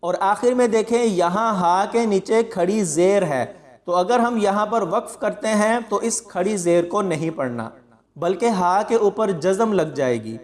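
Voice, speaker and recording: A man teaching Quran pronunciation in a spoken lesson, explaining each word calmly and spelling out the syllables slowly before reciting them. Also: high-pitched, big-room sound.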